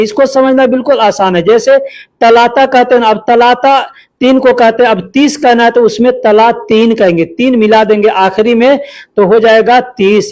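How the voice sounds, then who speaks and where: A man with a fairly high voice gives a language lesson, patient and steady. He says each line twice so the learner can follow along. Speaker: language teacher.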